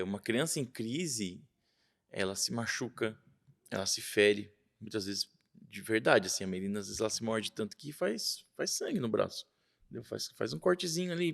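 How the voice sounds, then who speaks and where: Gravelly-voiced father explaining earnestly. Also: mid-range voice. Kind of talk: interview.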